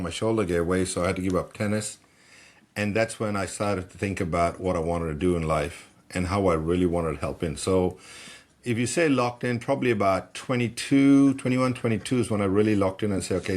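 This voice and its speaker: Middle-aged guy from malaysia, lowish voice, tells his story all animated, trips over words when he gets going. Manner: animated, repeats and restarts words when excited. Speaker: guest, personal development coach. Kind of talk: conversational storytelling.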